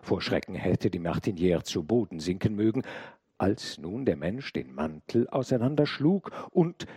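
A man reading a literary story aloud as an audiobook narrator, measured and expressive. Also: low-pitched, breathy edge, dry recording. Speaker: audiobook reader.

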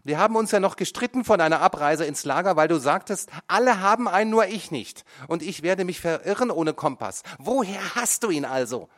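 A man reading an audiobook, voicing a shrill, hysterical mother accusing her son in court. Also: expressive, fairly quick, hardly any pauses, a bit bright. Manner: screeching, accusing, ever more hysterical.

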